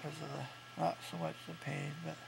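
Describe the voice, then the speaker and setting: His nose blocked after jaw surgery, a male vlogger in his thirties sounds congested and thick-mouthed. He delivers his video diary haltingly and matter-of-factly, with strong vocal fry and very little rise or fall in pitch. Hum and noise are clearly audible throughout the home recording.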